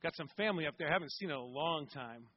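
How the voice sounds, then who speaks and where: A man's voice: fairly high pitch, animated, fast talker, slightly rough. Man quoting a weary old homeless man. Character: weary older homeless man, lonely and soft-spoken. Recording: dull recording with long hall reverb.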